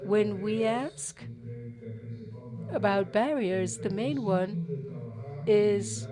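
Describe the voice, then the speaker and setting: A woman interpreting a conference panel live, halting, with cut-off words and restarts. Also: mid-range voice, crowd noise. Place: conference auditorium.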